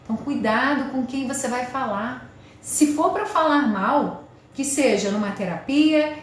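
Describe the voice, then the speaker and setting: A woman giving marriage advice straight to the viewer, in an earnest, coaching way. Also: a little high. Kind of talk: direct-to-camera advice talk. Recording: very echoey room with faint noise.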